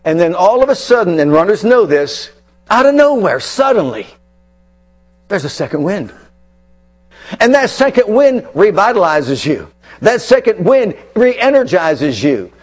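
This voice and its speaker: High-pitched guy preaching, punchy repeats, goes loud then drops real quiet. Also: very animated, measured pace. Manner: emphatic, repeats phrases for effect, swings between loud and hushed. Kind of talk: sermon.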